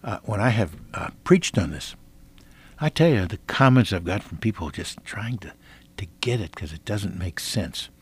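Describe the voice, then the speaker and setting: A man's voice: on the low side, animated, moderate pace, slightly rough. An American man preaching conversationally on the radio, reading scripture and repeating key phrases with emphasis. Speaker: preacher hosting a radio teaching program.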